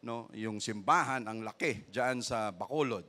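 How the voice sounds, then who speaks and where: A man with a Filipino accent preaching a sermon as pastor, shifting between conversational asides and loud, rising bursts of praise, with a frequent tag "no?". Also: on the low side, unhurried.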